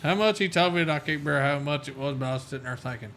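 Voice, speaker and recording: A man hosting a casual chat, easygoing and quick to agree. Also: mid-range voice, vocal fry, fairly bright tone, a little hiss or hum. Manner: easygoing, lots of short agreeing replies and laughs. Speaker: host.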